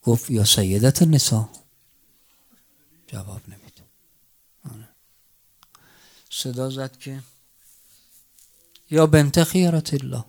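Preacher, swinging loud to hushed. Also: male voice, mid-range voice, animated, pauses often. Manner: swings between loud cries and hushed near-whispers, tearful chant. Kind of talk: mourning sermon.

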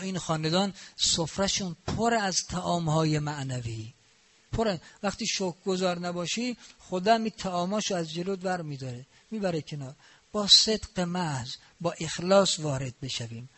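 A man preaching a sermon, telling stories in a conversational way and scolding with emphatic rhetorical questions. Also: fairly high pitch. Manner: conversational, anecdotal narration. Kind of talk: sermon with storytelling.

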